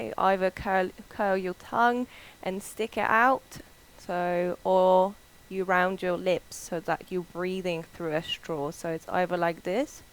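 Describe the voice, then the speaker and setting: A woman leading a yoga class, gently guiding the breath in a slow and soothing way, with soft pauses. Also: medium pitch, poor audio. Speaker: yoga instructor. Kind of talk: guided breathing and meditation class.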